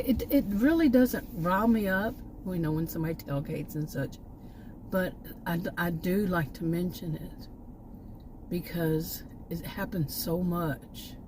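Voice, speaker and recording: With a fairly low-pitched voice and background noise around her, a middle-aged American vlogger from Texas chats casually outdoors near a park. She rambles, often trailing off before returning to her point.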